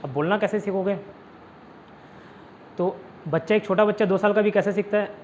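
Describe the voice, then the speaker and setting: A man's voice: high-pitched, moderate pace, darkish tone. A man teaching an online class, chatty and often checking in with his students. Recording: dull lo-fi audio with faint noise.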